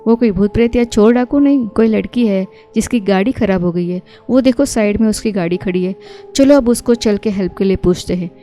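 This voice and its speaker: A woman voicing a cheerful, teasing young housewife who writes stories, in a mellow tone. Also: mid-range voice, a little fast, faint music behind, natural voice. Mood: playful. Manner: playful, teasing.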